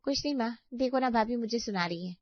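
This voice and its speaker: A woman's voice: fairly high pitch, fast, no room sound, lightly acted. A woman voicing a spiteful, scheming young sister-in-law in a cartoon story, with an accusing, whiny manner. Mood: scornful. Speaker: voice actor. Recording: dry, slightly dull audio.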